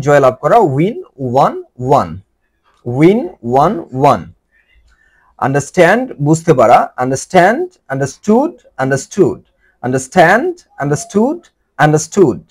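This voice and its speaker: A man with a Bengali accent teaching English verbs, repeating each word form several times in a steady drill. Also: fairly high pitch. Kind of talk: drilling vocabulary lesson.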